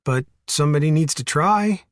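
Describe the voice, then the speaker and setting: A shy, earnest teenage girl in an audiobook, voiced by a male narrator who lifts his pitch well above his own. She speaks softly and sincerely, in a dry, close recording. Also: normal speed, no echo, lightly acted. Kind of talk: audiobook character voice.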